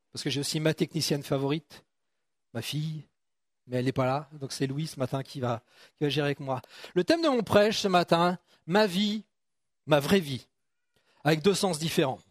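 A man's voice: a little high, no room sound, clean studio sound. A man preaching a sermon in a casual, joking way, with frequent restarts and questions to the congregation. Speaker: pastor.

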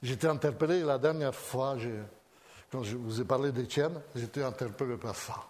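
A man's voice: medium pitch, normal speed, a little mellow. A man preaching a sermon. He talks in a hesitant way, often loses his place and repeats himself. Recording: long reverb of a large hall.

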